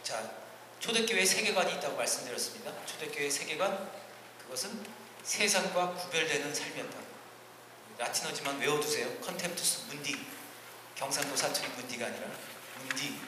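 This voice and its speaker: A fairly high-voiced male pastor delivers a teaching sermon in a large church hall. He is earnest, pushing phrases up with force and then dropping into quiet asides. The recording is very reverberant, with a long hall tail and steady background hiss. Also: normal speed. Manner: earnest, swinging between emphatic rises and quiet asides. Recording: echoey hall, distant ambient noise.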